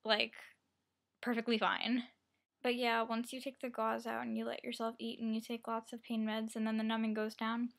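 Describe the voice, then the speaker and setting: A young woman with a fairly high voice talks like a vlogger catching up her viewers. She rambles through her story in a casual, self-deprecating way, slipping into quotes of herself and other people. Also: gravelly, a bit bright. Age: young adult. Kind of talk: casual chatty personal storytelling.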